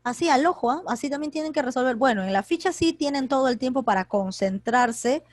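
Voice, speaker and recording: Brisk teacher quizzing her class. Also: high-pitched, expressive, dry recording. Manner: quick, chatty, quizzing students by name. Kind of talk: online grammar class. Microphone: computer mic on a video call.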